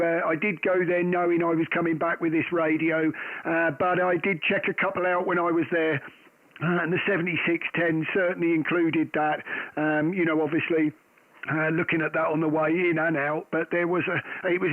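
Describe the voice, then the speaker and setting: A man's voice: a little high, no echo, narrow, tinny audio. A man hosting amateur radio, chatting in a casual, rambling way and calling out call signs. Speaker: host of a live amateur radio stream. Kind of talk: casual radio chat and call-sign exchanges. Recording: thin band-limited radio-like sound, dry.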